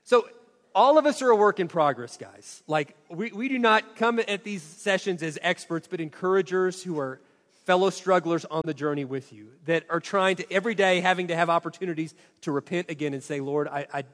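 A high-voiced man in his forties tells a story from the stage, acting out every line of dialogue with self-mocking animation. His voice rings out with a long reverb through a large hall. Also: a little fast, a bit bright. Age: 40s. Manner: acts out quoted dialogue expressively, self-mocking.

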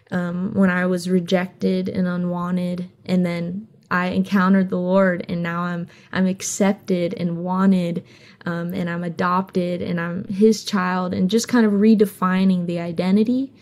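Soft-spoken young woman singer, mellow tone. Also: mid-range voice. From Hawaii. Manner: earnest, open, soft-spoken with frequent "um" and "like". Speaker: singer guest. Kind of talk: casual interview talk.

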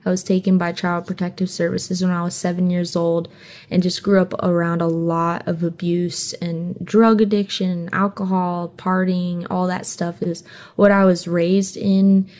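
A young woman from Hawaii, a singer being interviewed, talking openly and earnestly in a casual, soft-spoken way. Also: lowish voice, flat delivery, a little slow. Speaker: singer guest.

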